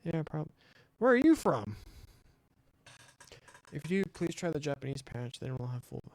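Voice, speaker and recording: A man streaming a game, chatting excitably and answering his chat with casual fillers. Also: on the high side, normal speed, rough recording. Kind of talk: casual let's-play commentary.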